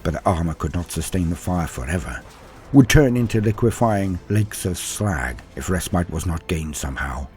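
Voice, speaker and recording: A man narrates scripted war fiction in a grave, theatrical storytelling manner, letting the ends of his phrases fall away. His voice is low, animated and a little mellow at a moderate pace, with faint music in the background.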